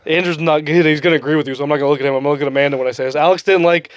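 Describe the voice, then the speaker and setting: A man co-hosting a podcast, talking fast in casual chat and acting out quotes in high voices. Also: steady tone, smooth, dry recording. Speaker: podcast co-host.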